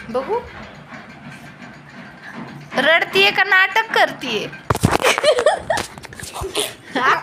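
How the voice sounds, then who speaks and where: A woman's voice: very high voice, background noise. A woman filming a casual family vlog at home on a phone, coaxing and scolding her small children.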